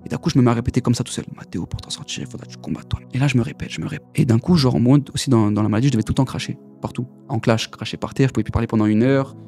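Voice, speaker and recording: A young man pours out his story in a rapid, headlong flow, his voice mellow and a little dark. He talks in loose street slang, repeating himself as he goes. Faint music sits under his voice. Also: mid-range voice. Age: young adult. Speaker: guest giving a testimony. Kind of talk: casual spoken testimony.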